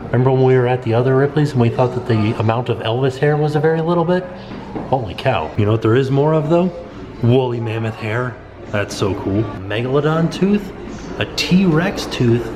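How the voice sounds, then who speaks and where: Loud music and a noisy background surround a man's medium-pitched voice as he vlogs his way through indoor museum exhibits. At a moderate pace, he casually points out items with a note of mild wonder in his impromptu commentary.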